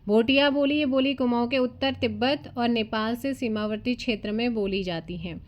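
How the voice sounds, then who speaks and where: A woman's voice: a little high, normal speed. A woman, reading exam study notes aloud as a coaching teacher and breaking off now and then with asides to her students. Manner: reads long lists of names with asides to students.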